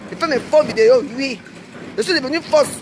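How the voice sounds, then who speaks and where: Speaking a little fast in a high-pitched voice over some background noise, a woman with a Cameroonian French accent vlogs straight to her audience. Her rant is heated and indignant, full of repetition and phrases tagged with "hein".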